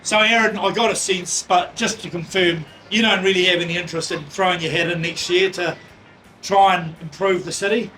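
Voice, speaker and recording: High-voiced New male host. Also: steady tone, fairly quick, over music, low-quality recording. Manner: teasing, prodding questions. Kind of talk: casual interview chat.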